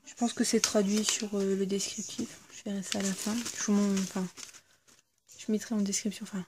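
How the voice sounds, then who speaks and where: A woman's voice: medium pitch, little pitch movement, fairly quick, background noise. A woman chatting casually through an unboxing video, hesitant, with lots of fillers and self-corrections. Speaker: YouTuber reviewing a subscription box.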